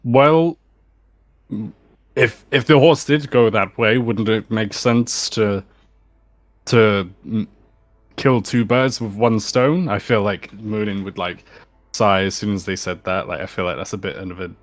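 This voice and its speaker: A man's voice: lowish voice, measured pace, no room sound. A man chatting casually as a player in a tabletop role-playing game.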